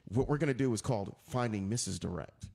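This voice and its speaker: Male talk host, gravelly and animated, loud laugher, casual chat. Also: on the low side, quick pace. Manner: animated, repeats himself, laughs loudly.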